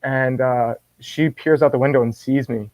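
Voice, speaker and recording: A man guest telling a personal faith story in an animated way, often restarting and repeating words. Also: mid-range voice, normal speed, slight background noise. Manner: animated, acts out his own quoted words. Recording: dull dry lo-fi sound.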